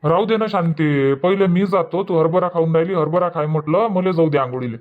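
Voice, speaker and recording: Grumbling and delivering lectures, an old village husband in a dubbed cartoon comedy is voiced by a man with a Varhadi Marathi accent. He talks fairly quickly in a rather high voice that is close to everyday speech, and the recording has a dull lo-fi quality.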